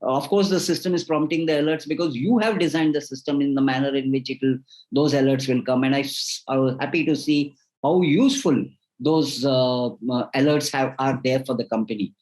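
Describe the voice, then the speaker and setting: A man's voice: mid-range voice, fairly even intonation, fairly quick, darkish tone, low-quality recording. A man, a host giving formal, effusive closing remarks with frequent restarts. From India.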